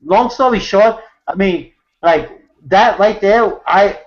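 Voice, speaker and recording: A man's voice: high voice, slow, highs cut off. A man from New York hosting an online hangout, telling a story in a rambling casual way full of fillers and restarts. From New York City, USA. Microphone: video call.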